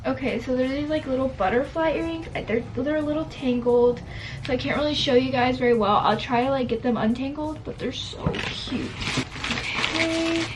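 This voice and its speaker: A teary young woman of nineteen gushes through an unboxing vlog, her voice high and bright. She sits a bit back from the mic, and a loud hiss of noise runs under everything she says. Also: normal speed, recorded from a distance. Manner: gushing, tearful, says "like" and "literally" often. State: teary, on the verge of crying. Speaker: vlogger.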